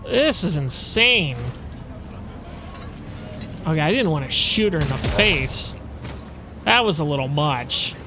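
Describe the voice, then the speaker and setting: A man's voice: a little high, lively intonation, moderate pace, music in the background. A man reading game dialogue aloud and commenting in a casual, sweary, reactive way as a let's play streamer. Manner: informal, reactive.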